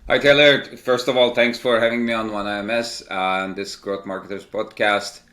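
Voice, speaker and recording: A man in his fifties from Turkey, a company CEO, answering interview questions in a measured, explanatory way. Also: lowish voice, flat delivery, a bit bright. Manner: measured, explanatory, lists examples. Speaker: tech company CEO, guest. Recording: echoey room.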